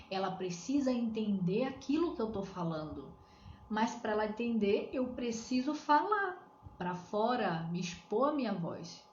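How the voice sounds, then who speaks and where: A woman's voice: medium pitch, a little mellow. Brazilian woman coaching with rhetorical questions. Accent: Brazilian Portuguese. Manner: explains step by step with rhetorical questions. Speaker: coach on shyness. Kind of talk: live-stream advice talk. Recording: echoey room, dull lo-fi sound, faint hiss.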